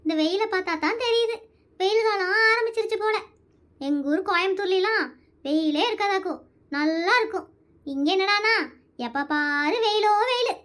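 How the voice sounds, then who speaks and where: A woman's voice: very high voice, moderate pace, fairly bright tone. A woman voicing a gossipy, nosy village woman in a cartoon, speaking. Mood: fussing, scandalized. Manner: chatty, exclaiming, busybody. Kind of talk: cartoon voice acting.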